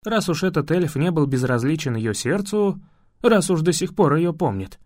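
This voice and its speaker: Man narrating an audiobook, highish voice, lively pitch, dry booth sound. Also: normal speed, no room sound. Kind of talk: scripted first-person audiobook narration.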